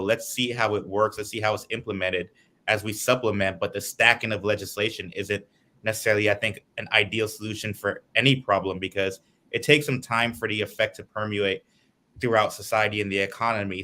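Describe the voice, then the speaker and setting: Earnest man from Guyana, bright voice. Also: fairly low pitch, fairly even intonation, a little fast. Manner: earnest, explains at length. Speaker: political candidate. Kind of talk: interview answers. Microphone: video call.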